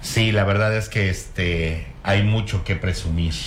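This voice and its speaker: A man hosting a casual chat, echoing his guest with quick interjections. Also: low voice, steady tone, a little hiss or hum. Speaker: host.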